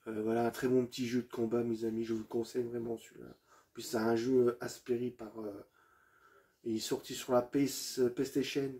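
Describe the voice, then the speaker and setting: A man's voice: mid-range voice, little pitch movement, brisk, mellow. A man presenting his video game collection in a casual, hesitant way, with many fillers and restarts, addressing viewers as friends.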